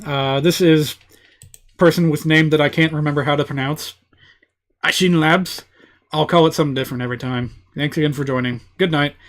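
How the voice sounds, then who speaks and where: Male streamer, fairly high voice, bright and forceful, casual game commentary, wry rambling asides.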